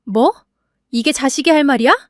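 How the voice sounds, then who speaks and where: A scornful older mother-in-law scolds sharply and lords it over her family, voiced by a woman. The voice sits high and close, with no room around it. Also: moderate pace, no echo, natural voice. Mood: scolding.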